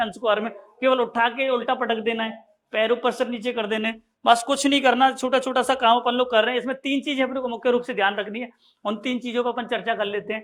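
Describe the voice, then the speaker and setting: High-voiced man teaching math. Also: fairly bright tone. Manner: repetitive, drilling, addresses students as bhaiya and sahab. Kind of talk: classroom math lesson.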